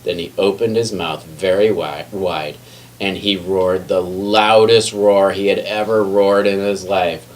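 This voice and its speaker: This is a children's read-aloud: a man with a low, steady voice reads a picture book expressively at a measured pace, stumbling occasionally and self-correcting. He's captured by a distant mic with faint noise behind him.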